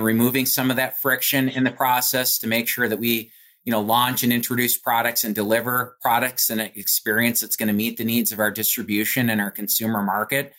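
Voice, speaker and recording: This medium-pitched male voice sounds pushed and bright as an American executive gives a conversational interview answer. His explanations use refined corporate language dotted with frequent "you know"s.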